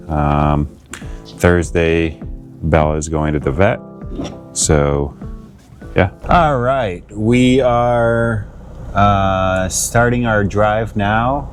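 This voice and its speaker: A man casually narrating a road-trip vlog, relaxed and rambling with lots of fillers. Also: lowish voice. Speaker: vlogger. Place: inside an RV and outdoors on the road. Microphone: smart glasses camera.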